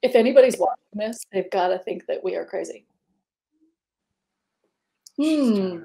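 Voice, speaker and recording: A woman's voice: mid-range voice, quick pace, creaky, dark tone. A woman hosting a casual live-stream chat, bubbly and giggly, rambling with lots of fillers. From Indiana, US. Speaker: host.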